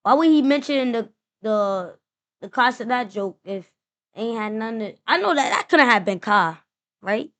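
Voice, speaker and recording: A woman's voice: a little high, lively intonation, moderate pace, a bit bright. New woman streamer, blunt and slangy. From New York. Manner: blunt, slangy, thinking aloud. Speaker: streamer reacting to a clip. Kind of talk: live stream reaction chat.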